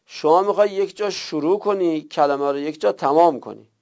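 Man, classroom grammar lesson, rough gravelly tone, muffled lo-fi recording. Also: a little high, a little mellow. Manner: reads Arabic text aloud then explains it in colloquial Persian. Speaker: teacher of Arabic grammar. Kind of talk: seminary-style grammar lesson. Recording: dull lo-fi recording.

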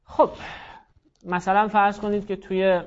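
A high-voiced male teacher gives a classroom lecture on grammar in a level tone, often pausing to repeat key points and question his students. The recording sounds dull and lo-fi.

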